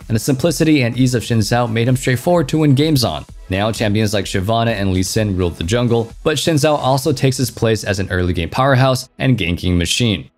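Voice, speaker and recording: Animated man narrating a countdown list. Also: mid-range voice. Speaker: gaming channel host. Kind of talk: scripted top ten countdown narration. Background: background music.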